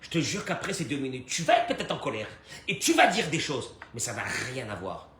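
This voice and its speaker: A man teaching a Torah lesson as a rabbi, animated, swinging from hushed to loud and acting out short dialogues. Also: medium pitch, fairly quick. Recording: echoey room with faint noise.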